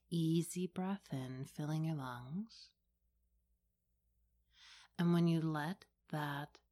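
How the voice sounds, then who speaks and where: Slow, low-voiced woman guiding meditation. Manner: soothing, unhurried, gentle delivery. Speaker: meditation guide and hypnotherapist. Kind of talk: guided meditation.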